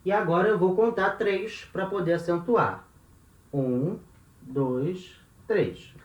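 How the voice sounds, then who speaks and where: A man's voice: sits high, lively intonation, slow, roomy sound, lo-fi sound. A man teaching a language lesson, explaining step by step and often checking in with his listeners.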